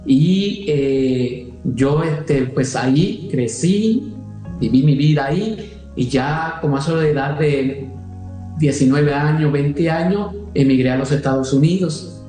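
A man's voice: a little high, dark tone, very echoey, low-quality recording. A religious brother in his fifties, speaking in a conversational interview with frequent hesitations and restarts. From Puerto Rico. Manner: hesitant, many restarts and fillers.

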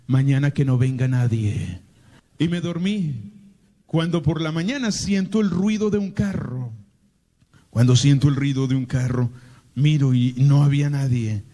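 Warm and on the high side, this male voice belongs to a priest from Medellín with a paisa accent. He delivers his sermon as a slow, dramatic personal story, posing rhetorical question after rhetorical question.

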